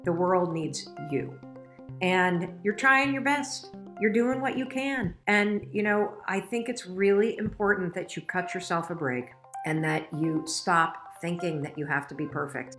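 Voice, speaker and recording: A woman's voice: lowish voice, normal speed, a bit bright, faint music behind. A middle-aged woman telling a personal story and giving a motivational talk, emphatic and emotional, speaking straight to her viewers.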